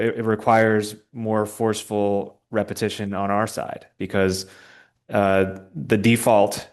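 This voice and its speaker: In a lowish voice, a young man in his early adult years fields questions as a guest, discussing politics informally and a little haltingly as he reaches for words.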